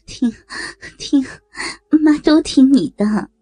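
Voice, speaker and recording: A meek mother-in-law voiced by a woman storyteller who begs and stammers tearfully. The voice is slow and mellow, with a breathy edge. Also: high-pitched, dry recording, pitched above the performer's own voice, low-quality recording. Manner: begging, submissive, stammering. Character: meek, pleading middle-aged mother-in-law. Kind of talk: erotic audio story acting.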